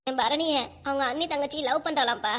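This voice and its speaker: A woman's voice: sits high, brisk, over music, natural voice. A woman voicing an anxious, tearful young bride-to-be in a cartoon, pleading and insecure about her fiancé. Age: young adult. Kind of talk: cartoon voice acting.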